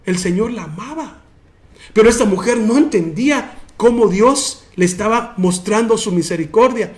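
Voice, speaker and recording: A pastor teaching a sermon. His voice is high for a man, and his delivery is animated. He keeps turning to his listeners as brother. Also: moderate pace.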